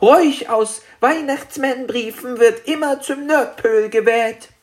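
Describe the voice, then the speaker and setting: A man voicing a small, excitable young male Christmas dragon in a high, drawn-out, eager voice. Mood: confident. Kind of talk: audiobook character voice.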